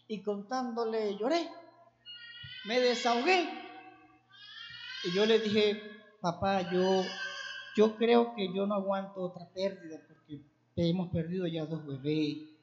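A man, a pastor, giving an earnest, emotional sermon with a personal testimony. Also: sits high. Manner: earnest and emotional, building to fervent exhortation. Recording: echoey room, dull lo-fi sound.

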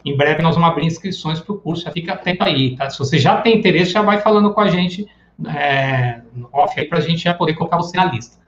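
Man with a high voice, lecturing casually on psychology in a live stream. Echoey room, dull lo-fi sound. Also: a little fast, a bit bright, slight background noise. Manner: casual and chatty, acting out everyday examples. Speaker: psychoanalysis teacher.

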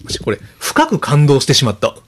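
Casting: husky Kansai-accented male host, animated pitch, relaxed casual talk. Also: moderate pace. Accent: Kansai Japanese. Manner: animated, acts out quoted lines in a higher voice. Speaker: podcast host. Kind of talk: casual chat.

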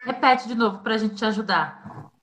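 A bright, high-voiced woman hosting a podcast interview. She speaks warmly and with admiration toward her guest, and turns to talk directly to the listener. Her voice has a sharp, clear edge. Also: normal speed. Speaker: podcast host.

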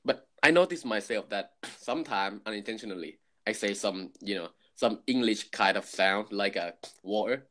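A man in his twenties with a Thai accent chatting casually, often pausing to search for words. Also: lowish voice, sharp tone. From Thailand. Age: 20s. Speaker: conversational co-host. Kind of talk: casual chat.

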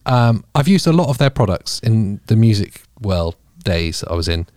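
A man with a fairly low voice and a lively, swooping delivery co-hosts a podcast in easy, joking chat. He laughs often and trails off into restarts. The sound is close and dry, from a studio microphone. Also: moderate pace, dry recording. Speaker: podcast co-host. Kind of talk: casual chat.

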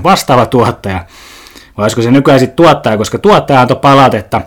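Rambling sarcastic Finnish-speaking male podcast host. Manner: rambling, sarcastic, swears, jumps to high mock-indignant pitch. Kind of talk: casual comedic monologue.

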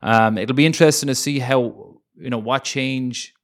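A man's voice: medium pitch, moderate pace. Rambling man co-hosting a podcast. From Ireland. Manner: rambling, many fillers and restarts. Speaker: podcast co-host. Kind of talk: casual political chat.

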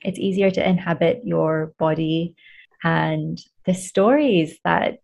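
A woman guest in an interview, a coach explaining her work in a thoughtful, measured way. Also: lowish voice, steady tone, vocal fry, a little mellow. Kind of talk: conversational interview.

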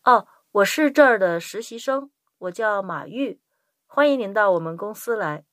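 A woman's voice: mid-range voice, lively intonation, normal speed, a bit bright, dry recording, studio quality, natural voice. A woman playing a polite young intern in a scripted language-lesson dialogue, speaking courteously. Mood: polite, welcoming. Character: polite young Chinese American woman intern greeting a visitor.

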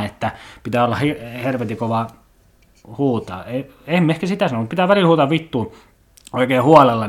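A young man hosting an unscripted solo podcast from his apartment, talking in a blunt, profane, rambling way. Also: medium pitch. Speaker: podcast host. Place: apartment at home.

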